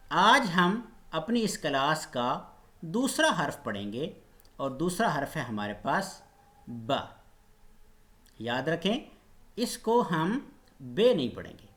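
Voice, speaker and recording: A man leads a Quran pronunciation lesson in a slow, unhurried delivery. His pitch moves a lot as he demonstrates each sound, patient and careful with every syllable. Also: fairly bright tone. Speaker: Quran recitation teacher.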